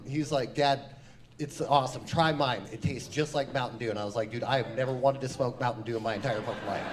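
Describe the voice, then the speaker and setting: A man in his forties doing a loud, swearing, laid-back stand-up set. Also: on the high side. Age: 40s. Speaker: stand-up comic.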